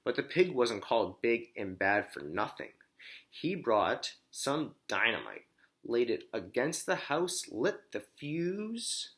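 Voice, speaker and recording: A man reading a children's storybook aloud like a teacher, expressively, pausing to explain and ask questions. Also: mid-range voice, big pitch swings, fairly bright tone.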